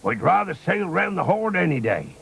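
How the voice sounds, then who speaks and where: A man voicing a gruff, hearty old fisherman, a jovial sailor in a children's story. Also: sits high, big pitch swings, moderate pace, fairly bright tone, pitched above the performer's own voice, heavily acted. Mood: hearty, friendly. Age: older.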